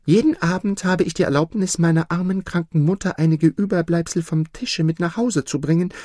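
A man voicing a poor little kitchen maid in a storybook reading, with a high, soft girlish voice and a tender, eager manner. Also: slightly rough, no room sound, clean studio sound.

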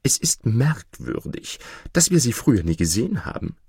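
A man's voice: medium pitch, very animated, moderate pace, darkish tone, breathy edge, no echo, studio quality, exaggerated voice. A man voicing a fussy, pompous court steward in a storybook reading, self-important in manner.

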